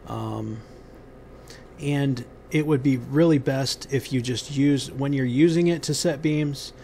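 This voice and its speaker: A man giving unscripted how-to instructions on a building site outdoors, pausing often with ums and restarting his sentences. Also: medium pitch, dark tone, a little hiss or hum. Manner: halting, many ums and restarts.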